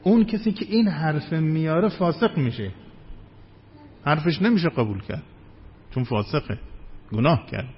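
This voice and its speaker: A man giving a measured sermon, his emphasis rising and falling. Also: on the high side, expressive, slight background noise. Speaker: cleric. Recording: dull lo-fi recording with faint ambience.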